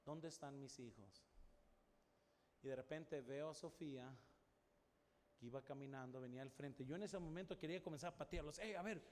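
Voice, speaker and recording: Pastor preaching in a reverberant church. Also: male voice, a little high, moderate pace, pauses often. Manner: storytelling, drops to soft voice for quoted prayers. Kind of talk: sermon with personal story. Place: large church hall. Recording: long church reverb, faint room noise.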